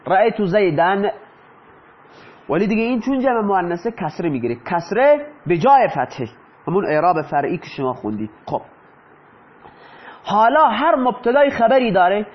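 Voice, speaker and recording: High-voiced man teaching grammar, lo-fi. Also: big pitch swings, pauses often. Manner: asks the class questions and answers them himself. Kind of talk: explaining lesson in Persian.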